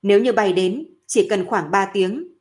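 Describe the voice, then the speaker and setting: A woman's voice: mid-range voice, a little slow, natural voice. A woman doing a cheerful winged fairy girl. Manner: bright, cheerful. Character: young bird-winged fairy woman, friendly.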